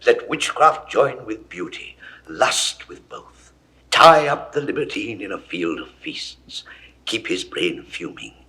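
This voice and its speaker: In a 1960s Shakespeare audio drama, an actor plays a Roman rebel leader who is proud, confident and scornful, declaiming verse with emphatic, oratorical force. His male voice sits on the low side and is very animated, slow, pushed and bright, and the performance is heavily acted.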